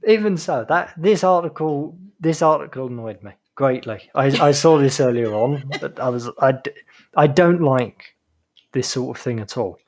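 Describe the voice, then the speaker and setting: A man's voice: medium pitch, expressive, normal speed. A British man from England, co-hosting an opinionated casual chat, ranting in an exasperated way. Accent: British English. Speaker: co-host.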